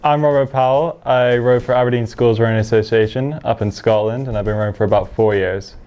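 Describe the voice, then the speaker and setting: A man's voice: medium pitch, steady tone, brisk, a little mellow, soft background music. Young man, thoughtful, slightly dull audio. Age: late teens. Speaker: junior rowing crew member. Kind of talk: casual interview answers.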